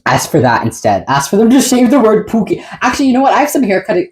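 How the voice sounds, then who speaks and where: A woman co-hosting a podcast, chatting casually in an excitable, rambling way and swearing now and then. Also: mid-range voice, fast, low-quality recording. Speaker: podcast co-host. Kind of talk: casual chat.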